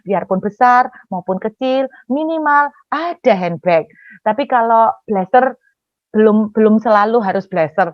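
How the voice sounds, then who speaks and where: A woman preacher tells a personal story from the pulpit. She is animated and keeps turning to the congregation. The recording sounds dull and dry. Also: on the high side, unhurried, no echo. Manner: animated, often addresses the congregation as brothers and sisters. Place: church.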